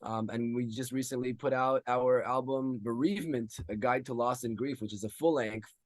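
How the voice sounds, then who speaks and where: A man's voice: mid-range voice, steady tone, normal speed, no room sound. A man in his thirties from Israel, a guest musician answering interview questions in a rambling casual way with many ums.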